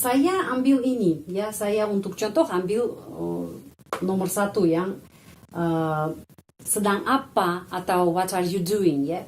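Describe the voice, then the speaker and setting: A woman teaching a language lesson, explaining words slowly and deliberately. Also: medium pitch, a little hiss or hum. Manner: slow, deliberate, spells out foreign words carefully.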